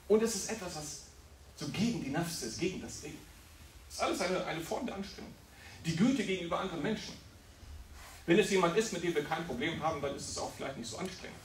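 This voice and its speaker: Male preacher, emphatic sermon delivery, slightly high voice, distant mic with faint background hiss. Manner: emphatic, rhetorical questions, explains Arabic words. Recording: echoey room, voice from afar.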